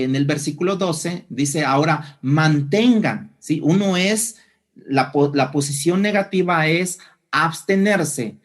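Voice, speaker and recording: A male pastor delivers a sermon in a voice pitched a little above the usual for a man. He explains verses point by point and turns often to the congregation with questions.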